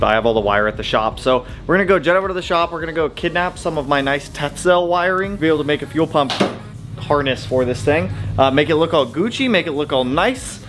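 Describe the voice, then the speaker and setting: A man's voice: mid-range voice, a little hiss or hum. Chatty man narrating a car build. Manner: relaxed, chatty, slangy shop talk with filler "uh"s. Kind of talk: casual build-log narration.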